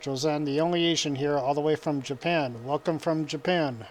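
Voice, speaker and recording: A man's voice: on the high side, steady tone, moderate pace, slight background noise. Casual American man streaming a game. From United States. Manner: rambling, chuckling, reads chat aloud. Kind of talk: casual live-stream chat while gaming.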